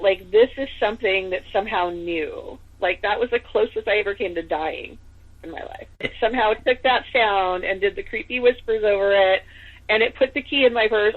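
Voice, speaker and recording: A woman's voice: mid-range voice, fairly quick. A woman from Northern California telling a personal story as a podcast guest, in a casual chatty way full of fillers. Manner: chatty, full of "like" and "you know". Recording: tinny phone-like line.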